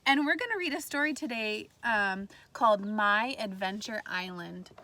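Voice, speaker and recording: In a backyard tree fort among the trees, a woman teacher with a mid-range voice reads a storybook aloud to kindergartners with lots of animation, stopping now and then to ask them questions. Faint outdoor ambient noise can be heard.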